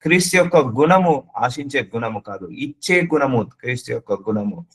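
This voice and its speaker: A man's voice: medium pitch, animated, moderate pace, slightly rough, poor audio. A man preaching a sermon, earnestly addressing the listener with repeated questions and slipping English words into his speech.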